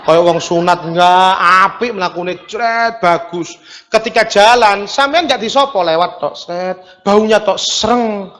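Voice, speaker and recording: A man with a Javanese accent preaching a sermon in an animated storytelling manner, acting out other voices. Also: sits high, a little slow, big-room sound. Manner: animated storytelling, mimics voices, mixes in local words.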